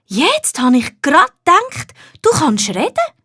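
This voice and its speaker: Storybook girl, small, excited, high voice, read by a Swiss German woman. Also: slow pace, no echo, clean studio sound, exaggerated voice. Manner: high, loud, bubbling. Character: excited little girl, eager and earnest. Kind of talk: children's storybook reading.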